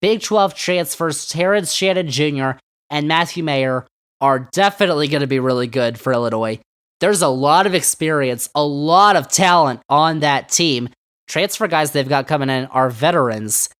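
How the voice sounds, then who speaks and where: A man's voice: a little high, normal speed, a bit bright, smooth. A man hosting a solo sports podcast, talking sarcastically and throwing rhetorical questions at his listeners. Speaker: podcast host.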